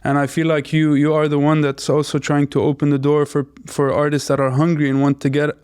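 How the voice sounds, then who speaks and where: A man's voice: on the high side, monotone, fairly quick, a little mellow, clear, resonant tone, no room sound, clean studio sound. A man co-hosting a podcast, talking casually and enthusiastically, repeating words as he praises his guest. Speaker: podcast co-host. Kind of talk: casual interview talk.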